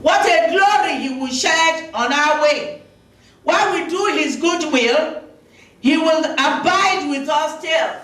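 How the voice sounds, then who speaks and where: A woman preacher leads a sermon at an unhurried, deliberate pace and calls out for amens. Her voice is high and bright. It reaches the mic from far off in a booming, echoey hall with faint background noise. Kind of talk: sermon with congregation call-and-response.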